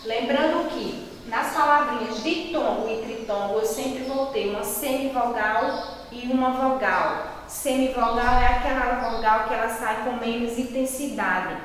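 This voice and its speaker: A Brazilian woman teaching a remote lesson to young children. She explains slowly and patiently and keeps checking that they follow. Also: a little high, heavy reverb, long reverb tail, recorded from a distance, a little hiss or hum, poor audio. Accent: Brazilian Portuguese. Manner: slow, patient, drawn-out explanations with frequent checks. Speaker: primary school teacher.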